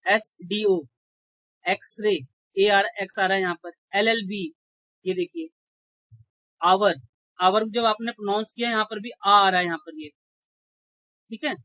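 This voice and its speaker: A man's voice: sits high, fairly even intonation, unhurried, pauses often, sharp tone, dry recording, low-quality recording. Male teacher explaining grammar rules step by step. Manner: explains step by step, often checks in with students; asks rhetorical questions and answers them. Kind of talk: exam-prep grammar lecture.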